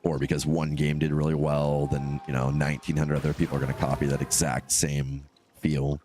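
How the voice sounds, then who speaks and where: With music in the background, a bass-voiced male streamer plays a game and rambles chattily to viewers, responding to their comments despite a stuffed-up nose from a cold. He talks briskly with a completely flat delivery.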